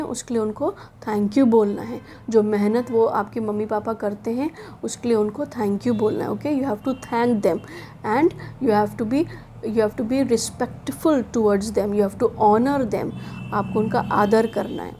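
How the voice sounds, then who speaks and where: Fast-talking Indian English woman teacher. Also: fairly high pitch, steady tone, dark tone, slight background noise. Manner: explains in English and Hindi by turns; reads poem lines slowly, explains quickly. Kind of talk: classroom poem lesson.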